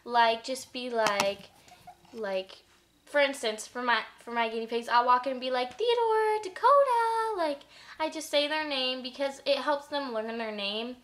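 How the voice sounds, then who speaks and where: A woman's voice: on the high side, normal speed, fairly bright tone. A young woman giving casual pet-care tips in a chatty vlog, full of fillers. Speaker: pet vlogger.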